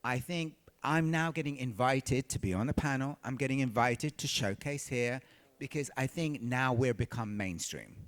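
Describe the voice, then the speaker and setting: A man's voice: medium pitch, moderate pace, fairly bright tone. A man from Tanzania, a recording artist on a panel, telling his story earnestly and repeating phrases for emphasis. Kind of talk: panel discussion, personal storytelling.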